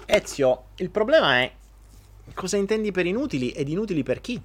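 A man hosts a casual live chat in a fairly high voice that swings widely up and down. He jokes and speaks straight to his viewers. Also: fairly quick, a little hiss or hum. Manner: animated, jokey, talks to viewers directly. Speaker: live stream host answering viewers.

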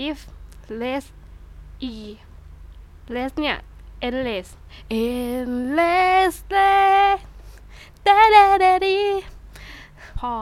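Young woman, Thai accent, high voice, chatty casual tutor, slow word lists. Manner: chatty, swears casually, lists words slowly. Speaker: English tutor. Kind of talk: casual vlog-style English lesson.

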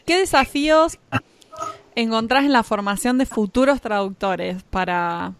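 A woman's voice: a little high, measured pace, no echo. A woman with an Argentine accent, an interviewer asking a guest questions in a friendly, casual way. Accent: Argentine Spanish.

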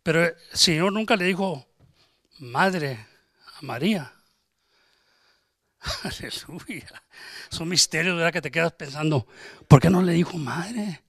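A man preaches, his voice pitched high and bright. He speaks emphatically, firing off rhetorical questions and acting out little conversations. The sound is dry and close, with little room around it. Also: unhurried, long pauses, no echo. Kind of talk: sermon.

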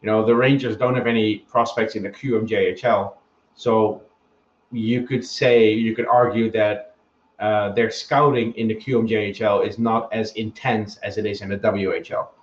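A man's voice: fairly low pitch, little pitch movement, normal speed. A man giving his opinions in a casual podcast chat, often hesitating with ums and restarting his sentences. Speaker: guest analyst. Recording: echoey, dull lo-fi remote audio.

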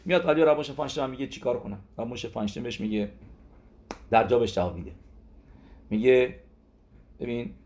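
A man's voice: medium pitch, pauses often, darkish tone, a little hiss or hum. A man teaching a weekly Torah portion, telling it as a story with lots of "he says" and restarts. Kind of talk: Torah lesson in casual spoken Persian.

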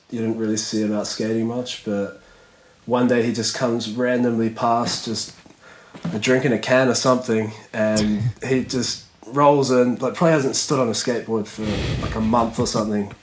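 A man's voice: lowish voice, a little hiss or hum, rough recording. A man, a skateboarder chatting as a podcast guest in a laid-back, rambling way full of fillers. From New Zealand. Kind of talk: casual podcast chat.

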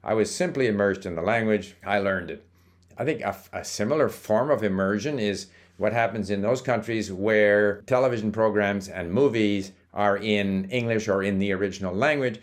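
An older man who was born in Sweden and raised in Canada hosts a language-learning video, calmly explaining things with small hesitations and restarts. His voice is fairly low, and it's a casual monologue delivered to the camera.

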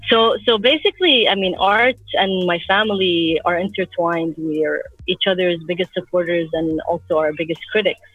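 A woman in her thirties from Abu Dhabi, a guest artist talking in a relaxed, reflective way outdoors in the wind. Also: fairly low pitch, normal speed, few pauses. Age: 30s. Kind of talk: casual interview talk. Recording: dull lo-fi sound, faint music.

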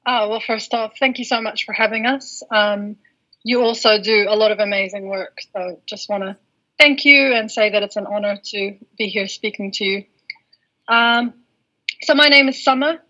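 A woman's voice: medium pitch, moderate pace, sharp tone. Woman from Iraq on a dull line. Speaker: guest. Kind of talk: podcast interview.

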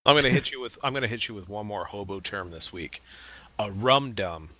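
Low, bright-toned man cracking jokes. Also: lively intonation, quick pace. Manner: wisecracking interjections. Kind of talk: casual chat.

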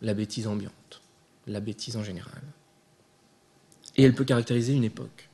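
A man giving an academic lecture, measured and thinking aloud, with small hesitations and restarts. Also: lowish voice, steady tone, mellow, slightly rough.

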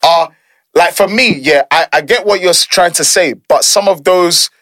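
A man's voice: high-pitched, moderate pace, bright, forceful tone, no echo. London man, casual and earnest, close dry sound. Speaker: pastor. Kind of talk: casual conversational discussion.

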